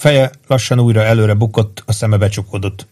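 A man reading a novel aloud in an even, measured narration. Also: fairly low pitch. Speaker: audiobook narrator. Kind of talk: scripted narration.

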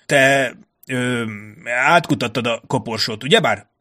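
A man's voice: medium pitch, bright, forceful tone. A man voicing a nervous, courtly male ambassador who stammers and fills his talk with hesitations. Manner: stammering, filler-laden, trembling.

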